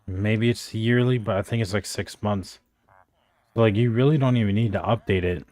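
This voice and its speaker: A man's voice: lowish voice, normal speed, a little mellow. A man streaming a game, chatting loosely and unsure of himself, with lots of "like" and "I think" as he talks. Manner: rambling and unsure, full of "like" and "I think". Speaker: gaming streamer. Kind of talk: casual chat while gaming.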